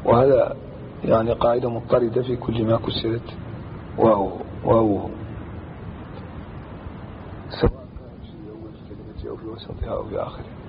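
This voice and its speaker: Man teaching grammar slowly, lo-fi recording. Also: on the low side, flat delivery. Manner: slow, deliberate, repeating and chanting verse lines. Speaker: teacher explaining an Arabic grammar poem. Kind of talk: traditional grammar lesson. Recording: dull lo-fi recording with faint background noise.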